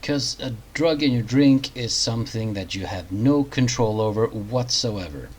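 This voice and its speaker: A man's voice: medium pitch, animated, a little slow, darkish tone, husky, low-quality recording. A man hosting a reaction commentary video, talking in a sarcastic, mocking way.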